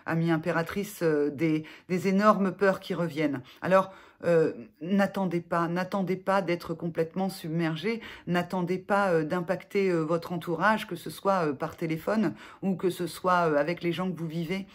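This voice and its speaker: A woman therapist giving gentle self-help advice to viewers in a vlog, speaking haltingly with many filler sounds and restarts. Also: fairly low pitch, steady tone. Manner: gentle, reassuring address to viewers.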